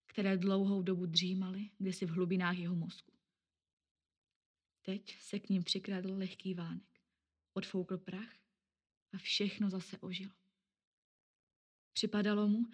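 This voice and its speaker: A woman narrating a story aloud in a calm, measured, scripted reading. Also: medium pitch.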